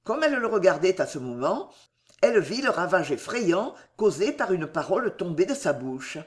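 A man narrating a novel in an expressive, theatrical audiobook style. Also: sits high, normal speed.

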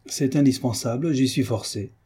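A man reading aloud as a bold young soldier who teases his uncle in a lively, resolute way. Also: mid-range voice, normal speed, breathy edge. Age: young adult.

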